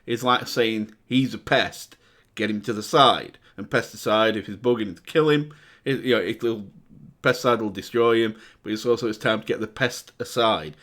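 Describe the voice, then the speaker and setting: A man's voice: on the low side, moderate pace, a bit bright. A man hosting a reaction video, chatting casually and breaking down rap lyrics with plenty of fillers. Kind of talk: casual commentary reacting to music.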